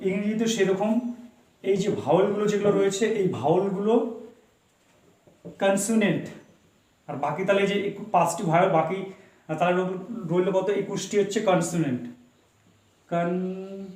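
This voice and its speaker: A male teacher giving a lesson. He talks slowly, repeats himself and spells words out letter by letter. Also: high voice, steady tone, darkish tone, echoey room. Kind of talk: explaining English basics in Bengali.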